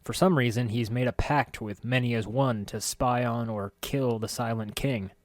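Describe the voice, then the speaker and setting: A man's voice: medium pitch, moderate pace, dry recording, natural voice. A man voicing a plain-spoken immortal adventurer who explains things in a matter-of-fact, informal way.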